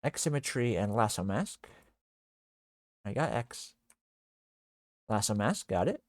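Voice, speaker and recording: A male streamer chatting casually on a livestream while working on 3D art, speaking haltingly with many fillers and half-finished sentences. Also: on the low side, animated, no room sound, clean studio sound.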